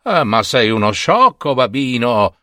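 A man's voice: mid-range voice, big pitch swings, a little slow, bright, forceful tone, no echo, clean studio sound. A man voicing an exasperated, doting peasant mother who chides her foolish son. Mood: scolding. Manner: chiding, exclaiming.

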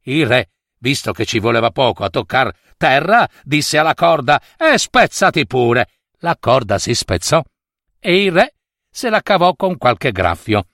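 A man narrating a fairy tale with an animated, expressive reading. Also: medium pitch, no echo, clean studio sound. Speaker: storyteller.

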